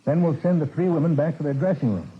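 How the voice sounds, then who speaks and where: A jittery theater manager frets in a husky, animated voice. The recording has the thin, phone-like sound of old radio. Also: male voice, fairly high pitch, fast. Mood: fretful. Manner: fretful, talkative. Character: nervous fretful male theater manager. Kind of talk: 1940s radio acting. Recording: tinny old radio broadcast.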